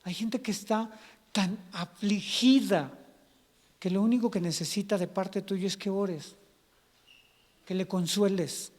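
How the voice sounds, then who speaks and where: A male pastor preaches conversationally, slipping into acted-out scenes. His voice sits high for a man, and it rings out with a long church-hall echo. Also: fairly even intonation, unhurried, pauses often, a little mellow. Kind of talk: sermon.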